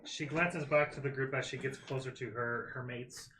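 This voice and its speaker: A male game master with a middling pitch narrates a tabletop session off the cuff. He pauses and feels his way through descriptions. Other players' voices crowd in around him. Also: fairly even intonation, low-quality recording. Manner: halting, pausing narration. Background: players chattering and laughing.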